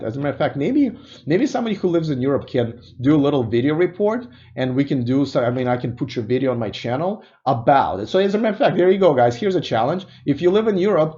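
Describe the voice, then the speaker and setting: A man's voice: on the high side, a little mellow, dull audio. A man from Russia hosting an electric car news stream, casually reading viewer comments and thinking aloud with restarts and musing asides.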